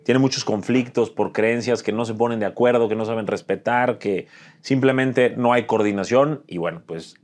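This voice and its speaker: A man in his thirties with a Mexican Spanish accent, an interview guest talking reflectively about his life and pausing to search for words. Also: mid-range voice, darkish tone. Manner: thoughtful, searching for words with fillers. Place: dim studio set with dark curtains.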